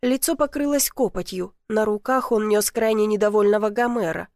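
A woman narrating a first-person audiobook in an emotional, expressive way. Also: mid-range voice, moderate pace, no echo, clean studio sound.

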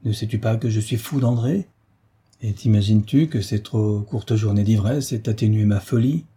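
A man voicing a bold, quick-tempered young hero giving orders in an audiobook reading. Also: fairly low pitch, warm tone, breathy edge. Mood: heated.

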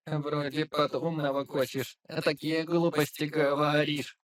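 A man voicing a grumpy, sarcastic male robot with a creaky, grating, squeaky voice, drawing out his mocking lines. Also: flat delivery, lightly acted. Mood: sneering. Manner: mocking, drawn-out, condescending. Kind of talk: audiobook narration with character voices.

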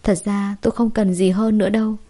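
A woman narrator voicing a gentle older father whose voice is choked with emotion. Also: mid-range voice, flat delivery, a little fast, natural voice. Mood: resigned calm. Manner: choked, soft-spoken.

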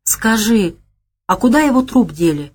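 A woman's voice: measured pace, husky. A woman doing a sly, teasing young woman. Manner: teasing, coy, high and lively.

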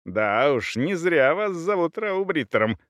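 A man's voice: on the high side, big pitch swings, a little slow, fairly bright tone, dry recording, clean studio sound, pitched above the performer's own voice. A man voicing a sly, grey-haired nobleman who mocks his captor with gloating jibes. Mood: mocking. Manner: mocking, gloating.

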